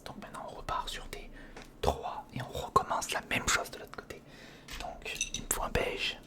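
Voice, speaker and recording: Casual and improvised, this ASMR build-along has a male host whispering at normal speed. In a breathy, mostly voiceless voice, he mutters hesitantly to himself and chats to the viewer.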